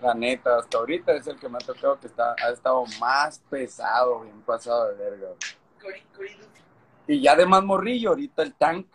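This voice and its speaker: A man's voice: mid-range voice, brisk, a little hiss or hum, rough recording. A man with a northern Mexican accent chatting casually in an interview, full of street slang and swearing, repeating phrases for emphasis. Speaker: skateboarding event organizer.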